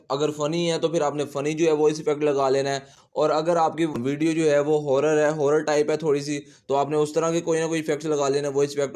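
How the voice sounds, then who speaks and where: This tutorial host and teacher walks viewers through an app step by step in a casual, repetitive, instructional manner. His voice is fairly high and a little mellow.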